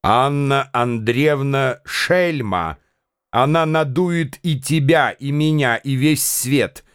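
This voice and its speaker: A man's voice: mid-range voice, slow, fairly bright tone, smooth, no room sound, clean studio sound. A man voicing a scheming, mocking young swindler who talks in a sly, wheedling way in a radio drama. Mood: scornful.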